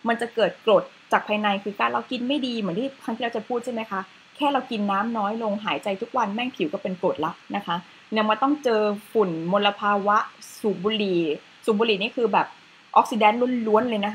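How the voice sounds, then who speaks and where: A woman's voice: mid-range voice, rough recording. Chatty woman going over product slides, lots of polite little particles, faint room noise behind. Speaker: presenter.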